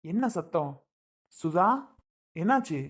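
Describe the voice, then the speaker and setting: A woman voicing a grown man, a worried brother in a dhoti, who mumbles in a low, hurried way from off the mic. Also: expressive.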